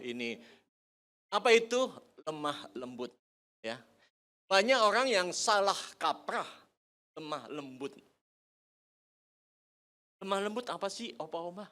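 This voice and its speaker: An older man preaching a sermon to seniors in a church hall, lively and joking, often quizzing the congregation. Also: medium pitch. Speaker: pastor.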